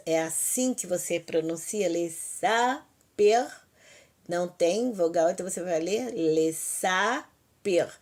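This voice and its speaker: A woman teaching a language lesson at an unhurried, deliberate pace. Her voice sits a bit low for a woman. She patiently breaks words into syllables, repeats them, and speaks straight to her students. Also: a little mellow. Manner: patient, repeats each word slowly syllable by syllable; self-correcting, talks to students directly. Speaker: Hebrew teacher.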